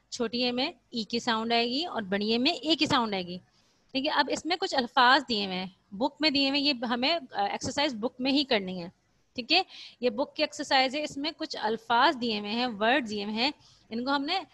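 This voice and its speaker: A woman teacher records an online school lesson for young children in a fairly high, slightly bright voice with no room sound. She patiently repeats points, answers her own questions, and slips in English words.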